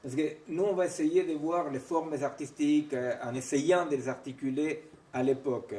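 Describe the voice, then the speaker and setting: A man lecturing at a seminar, his voice set a little high for a man. He is recorded from across an echoey room. He hesitates and restarts often, and he keeps tossing questions back to the audience as he goes. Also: steady tone, moderate pace, warm tone. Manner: digressive, keeps checking in with "vous voyez", "non?", "hein". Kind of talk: informal academic seminar lecture. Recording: echoey room, mic far from speaker.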